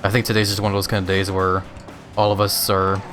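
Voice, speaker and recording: Laid-back low-voiced man streaming games. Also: completely flat delivery, fast talker, a bit bright, soft background music. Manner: laid-back, chatty, laughs often. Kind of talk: casual live-stream chat while gaming.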